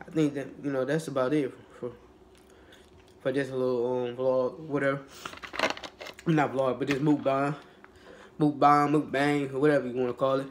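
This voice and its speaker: A young man in a casual mukbang vlog, who rambles in a relaxed, low-energy way with lots of fillers and restarts and has a cold. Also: a little hiss or hum. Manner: low-energy, laid-back. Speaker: YouTuber.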